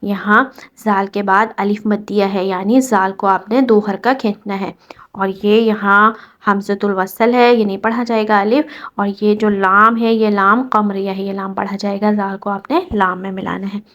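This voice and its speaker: A woman teaching Quran recitation rules step by step, patiently explaining and reciting verses slowly. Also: mid-range voice, little pitch movement, fairly bright tone, dull audio. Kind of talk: tajweed lesson explaining rules.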